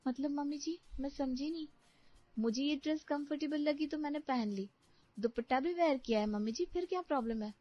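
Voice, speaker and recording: A woman voicing a modern young newlywed bride who whines and complains in a high tone. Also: a little fast, no room sound, natural voice. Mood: polite, annoyed. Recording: dry, slightly dull recording.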